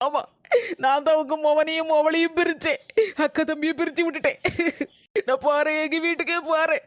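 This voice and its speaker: A woman's voice: high-pitched, flat delivery, brisk, no echo, studio quality, close to an everyday voice. Woman playing an indignant young daughter-in-law. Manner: indignant, arguing back.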